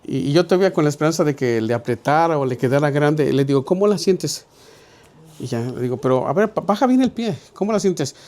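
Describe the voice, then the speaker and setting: Pastor, middle-aged, slightly high-pitched man, conversational preaching with acted-out dialogue. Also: lively intonation, fairly quick, darkish tone. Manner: conversational, acts out dialogue in his stories. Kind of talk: Bible study sermon with storytelling.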